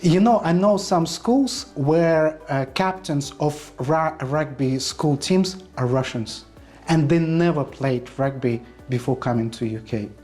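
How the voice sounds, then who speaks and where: A man's voice: fairly high pitch, unhurried, darkish tone, soft background music. A man from Kazakhstan interviewing school staff on site, chatty and joking. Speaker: interviewer, education consultant.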